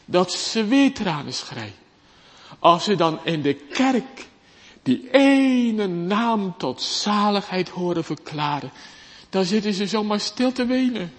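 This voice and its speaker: Slow, solemn preaching man in reverb. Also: sits high, lively intonation. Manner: slow, solemn preaching with dramatic rises and falls. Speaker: pastor. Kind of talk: sermon. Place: church. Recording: long church reverb.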